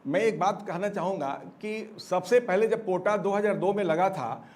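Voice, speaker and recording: High-pitched Indian man, halting panel commentator. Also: darkish tone. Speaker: debate panelist. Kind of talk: political commentary on a TV debate.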